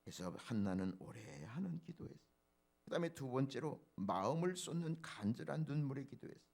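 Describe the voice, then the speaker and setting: A male pastor preaching a dawn prayer sermon, swinging from soft low asides to loud emphatic peaks and speaking straight to the congregation. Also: sing-song, a little fast, vocal fry. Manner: preacherly, addresses congregation directly.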